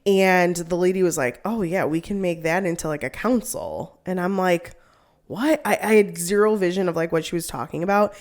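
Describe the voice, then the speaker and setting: A woman's voice: fairly low pitch, brisk, few pauses, darkish tone. A young woman co-hosting a casual chat, rambling with lots of "like" and frequent laughter. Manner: rambling, heavy use of "like", laughs often. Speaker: co-host.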